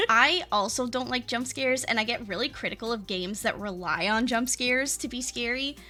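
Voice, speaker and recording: A woman's voice: on the high side, normal speed, pushed and bright. A woman hosting a casual livestream chat as a VTuber, with a bubbly, cute anime-streamer delivery. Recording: music behind the voice. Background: music.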